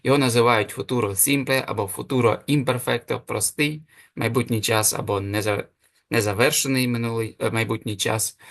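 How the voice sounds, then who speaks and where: Gravelly-voiced man teaching Spanish. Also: mid-range voice, fairly even intonation, a bit bright, no echo, studio quality. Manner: explains step by step, slows down to pronounce the Spanish forms; hesitant fillers and self-corrections. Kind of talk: online language lesson.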